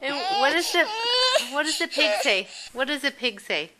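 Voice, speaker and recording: A woman's voice: high-pitched, lively intonation, moderate pace, very noisy. A woman asking a small child to make animal sounds in a sing-song, coaxing way. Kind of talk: sing-song questions to a toddler.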